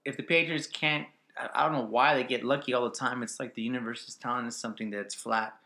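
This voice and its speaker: A man's voice: medium pitch, fairly even intonation, fast, sharp tone. A man co-hosting a casual fantasy football talk show, joking and reeling off player stats. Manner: joking, trails off into asides, quotes stats. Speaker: fantasy football podcast co-host. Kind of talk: casual sports chat.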